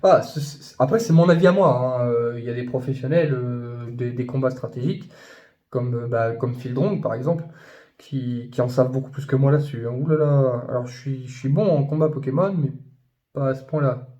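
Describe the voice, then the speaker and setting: A man chatting casually about his new purchases, rambling with many fillers and restarts, and gushing when excited. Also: mid-range voice, fairly quick, echoey room, lo-fi sound. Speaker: YouTuber showing his purchases. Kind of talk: casual unboxing chat.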